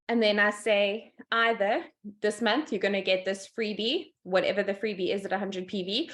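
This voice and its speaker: Chatty, upbeat woman presenting over a video call; middle pitch, laughs between points. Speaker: guest speaker, sales team leader.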